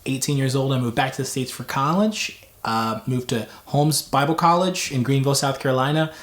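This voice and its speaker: A man's voice: medium pitch, a little fast, a bit bright. A man in his twenties, born in Tanzania, giving a rambling personal testimony with frequent restarts. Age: 20s. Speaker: former missionary kid sharing testimony. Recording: roomy echo.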